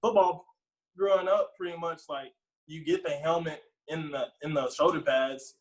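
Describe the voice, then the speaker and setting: A young man talking casually as a podcast guest, relaxed and rambling with lots of filler words. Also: on the high side, normal speed, rough recording. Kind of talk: casual chat.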